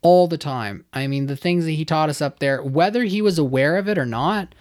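A speaker telling a story in casual conversation, lively, with frequent fillers and laughs. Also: mid-range voice, a little fast.

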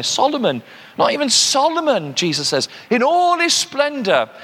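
An older man from Britain delivers a sermon with a high, bright voice that rings out. His delivery is conversational, with joking asides to the congregation. The long reverb of a large hall hangs on every phrase. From United Kingdom. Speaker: preacher.

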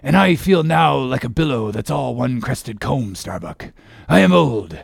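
An old one-legged sea captain with a deeply gravelly, husky voice. He is obsessed and defiant, declaiming in archaic phrases like a storybook tragic hero. The sound is dry and close. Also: big pitch swings, a little slow, no room sound, full character voice. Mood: weary, grave. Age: older.

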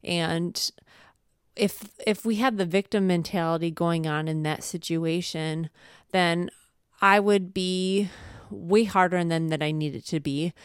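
Chatty woman co-host with a smooth voice. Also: fairly low pitch, steady tone, a little slow, dry recording, studio quality. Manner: chatty, laughs often, playful asides. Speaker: podcast co-host. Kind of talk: casual chat.

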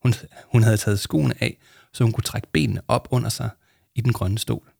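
Male storybook reader, measured, low, gravelly, dry close sound. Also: darkish tone, no echo. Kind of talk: reading a children's storybook aloud.

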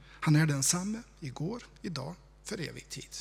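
A man preaching a sermon in a conversational, reflective way, dropping to hushed tones for emphasis. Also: fairly high pitch, animated, vocal fry, a little hiss or hum.

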